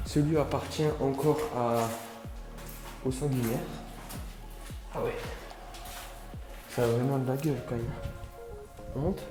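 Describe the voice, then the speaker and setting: Speaking at a medium pitch with little variation, a vlog host takes his time and pauses at length while poking around an abandoned building. He addresses viewers in a slangy, awed tone, his voice reverberating over background music.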